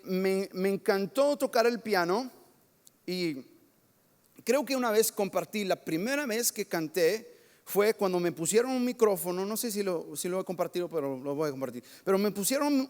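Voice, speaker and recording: High-voiced pastor in a reverberant church. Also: male voice. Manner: lively, self-mocking storytelling with laughs. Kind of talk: sermon with personal stories. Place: church sanctuary.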